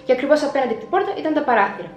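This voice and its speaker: A woman's voice: sits high, expressive, highs cut off. A young woman telling a personal story in a vlog, acting out her own past words with dramatic flair. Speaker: vlogger. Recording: echoey room with faint music.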